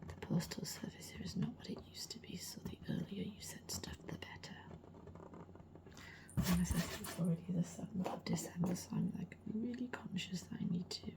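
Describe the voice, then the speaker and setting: A middle-aged woman, chatting in a soft rambling whisper as an ASMR creator, her voice slightly worn and gravelly. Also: lowish voice, brisk. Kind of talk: whispered role-play.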